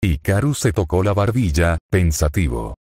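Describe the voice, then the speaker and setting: A man giving a scripted narration of a fanfic in an even, steady reading voice. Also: low-pitched, moderate pace, no room sound, clean studio sound.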